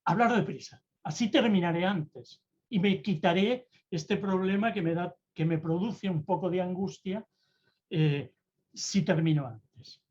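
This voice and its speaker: A presentation-skills mentor gives an online talk on public speaking. The delivery is theatrical, with deliberate shifts in tone and pace. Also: mid-range voice, darkish tone, dull audio.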